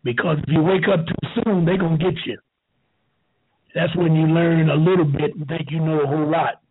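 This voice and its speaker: A man in his seventies telling a rambling story slowly, with halting restarts. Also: on the high side, steady tone, breathy edge. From United States. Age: 70s. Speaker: show host. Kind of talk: rambling talk. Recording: tinny phone-like line.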